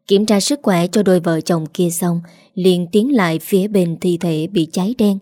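Woman narrating a story, mellow tone. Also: lowish voice, moderate pace, no echo.

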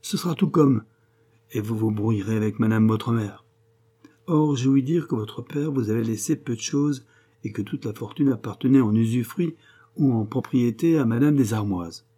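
A man's voice: mid-range voice, normal speed, mellow, husky, close to an everyday voice. A man reading aloud, voicing a sarcastic, worldly middle-aged writer who lectures in a mocking tone. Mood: lecturing.

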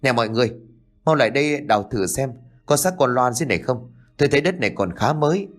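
A man voicing a middle-aged village man, calling out urgently and quickly. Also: medium pitch, lively intonation, pitched above the performer's own voice, close to an everyday voice.

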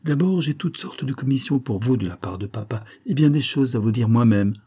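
A man voicing a gentle, earnest young woman in an audiobook, pleading softly with a friend. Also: medium pitch, lively intonation, brisk, husky, voice pushed up. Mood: lively.

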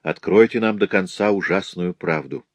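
A man reading a story aloud, voicing a composed nobleman speaking with measured earnestness. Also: low voice, no room sound. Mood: grave.

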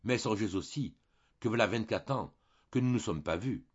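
Casting: a weepy, loyal country servant woman, voiced by a male reader, low and husky, dull recording. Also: normal speed. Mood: tearful, homely. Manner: rustic country speech. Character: older woman, a weeping rustic maidservant.

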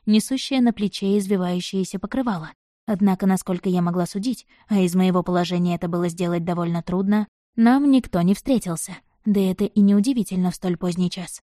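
A woman narrating a romance novel in the first person, with an expressive, dramatic reading. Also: medium pitch, no room sound, clean studio sound. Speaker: audiobook narrator.

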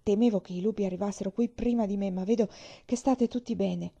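A woman's voice: medium pitch, steady tone, fast, vocal fry, mellow. A woman reading as a breathless pioneer father. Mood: urgent. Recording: slightly dull lo-fi recording.

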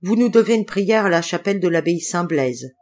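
Woman reader doing an older male innkeeper, gruff, brooding, folktale. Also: fairly low pitch, animated, fairly quick, a little mellow. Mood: solemn. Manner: gruff, then brooding and solemn.

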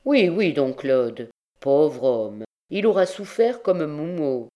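A woman's voice: sits low, very animated, slow pace, muffled recording, exaggerated voice. A woman voicing a cheerful, cruel male church prosecutor in a chatty, jovial manner in an audiobook.

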